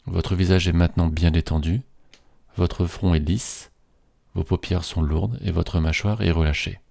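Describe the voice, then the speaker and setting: Deep, gravelly man guiding relaxation. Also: steady tone, mellow, dry recording. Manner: slow, soothing, measured. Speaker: relaxation guide. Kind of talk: guided relaxation script.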